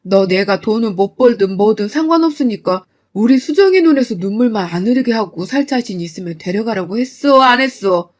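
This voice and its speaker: A woman's voice: medium pitch, a little fast, mellow, lightly acted. A woman voicing an enraged middle-aged father who growls threats.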